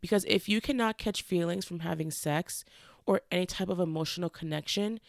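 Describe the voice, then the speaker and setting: Stuffy-nosed woman with a gravelly voice. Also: on the low side, no room sound, studio quality. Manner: frank, earnest, slowed deliberate delivery. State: stuffy nose from a cold. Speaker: podcast host. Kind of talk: casual solo podcast monologue.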